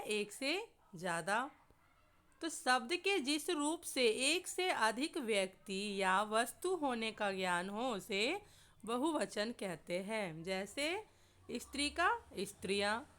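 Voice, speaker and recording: A woman with a bright, clear voice and a fairly high pitch gives a grammar lesson very slowly. She sets out her examples word by word and puts questions to her listeners before she answers them herself. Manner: slow and deliberate, lists examples one word at a time, asks questions and answers them. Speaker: Hindi grammar teacher. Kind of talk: slow explanatory classroom lesson.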